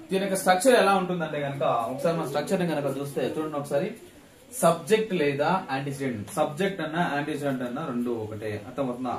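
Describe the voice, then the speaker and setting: Fast, high-voiced teacher in an echoey classroom. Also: male voice. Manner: call-and-response questioning, repeats key terms. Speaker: English teacher. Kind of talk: classroom grammar lesson. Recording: echoey classroom, mic at a distance, faint noise.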